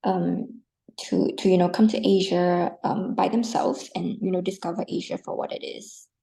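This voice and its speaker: Mellow gravelly-voiced woman from Singapore. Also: lowish voice, steady tone, normal speed. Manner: friendly, uses filler like and you know. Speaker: guest, art publisher. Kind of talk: conversational interview.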